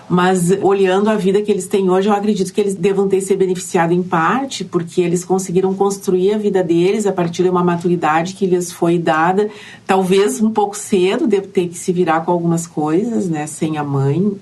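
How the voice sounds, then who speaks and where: A Brazilian woman with a somewhat low voice gives reflective interview answers. She pauses to search for words and often ends with a questioning tag. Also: darkish tone. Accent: Brazilian Portuguese. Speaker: interviewee, chemistry teacher.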